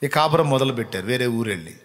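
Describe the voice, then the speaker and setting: A man preaching a sermon, telling a story dramatically and acting out the voices in it with sudden loud rises. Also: medium pitch, expressive, fast talker. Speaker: pastor.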